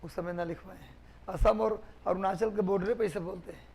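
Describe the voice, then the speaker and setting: A man's voice: high-pitched, steady tone, fairly quick, gravelly, a little mellow. A man from Bihar, teaching a live online class, repeating points for dictation and quizzing students. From Bihar, India. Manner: repetitive dictation, drilling students with questions.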